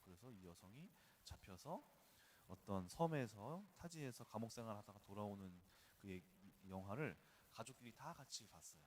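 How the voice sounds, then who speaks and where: A man's voice: lowish voice, animated, moderate pace, a little hiss or hum. A male pastor preaching at an early-morning church service, talking in a conversational way and weaving in personal stories. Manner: conversational, storytelling with personal anecdotes. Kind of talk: dawn service sermon.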